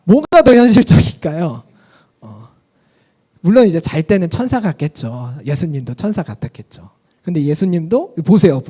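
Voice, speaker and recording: A male pastor preaching in a lively storytelling way, often asking the congregation questions. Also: a little high, moderate pace, husky. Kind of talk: sermon.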